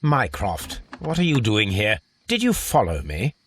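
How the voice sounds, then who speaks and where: An actor playing a shrewd, composed British gentleman detective in a video game, with measured, articulate delivery and a husky voice. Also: on the low side, wildly swooping pitch, dry recording, exaggerated voice. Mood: composed, assured.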